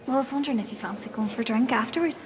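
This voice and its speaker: A woman's voice: fairly high pitch, rapid-fire, long reverb tail, a crowd in the background, lightly acted. An actress playing a self-absorbed young woman artist who talks earnestly and theatrically about her work. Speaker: artist exhibiting paintings. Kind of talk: sitcom acting. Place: art gallery.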